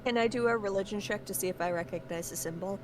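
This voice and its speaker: A woman's voice: mid-range voice, fast talker, noisy background. A woman playing a tabletop game who speaks bluntly and matter-of-factly. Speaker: player. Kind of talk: tabletop role-play.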